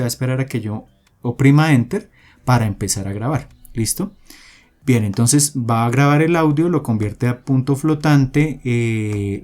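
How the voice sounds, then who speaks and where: A man giving a coding tutorial, explaining step by step in a steady voice with many fillers and restarts. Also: medium pitch. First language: Spanish. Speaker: programming tutor. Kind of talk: screen-recorded coding tutorial.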